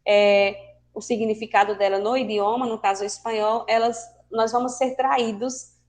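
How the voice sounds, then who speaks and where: A woman teacher with a Brazilian accent, explaining a language lesson patiently and asking her students questions. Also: on the high side. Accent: Brazilian Portuguese. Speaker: Spanish teacher. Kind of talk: online class lesson.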